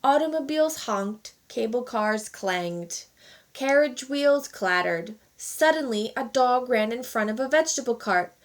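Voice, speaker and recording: A teacher reading a children's storybook aloud with expressive, animated narration. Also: female voice, on the high side, measured pace.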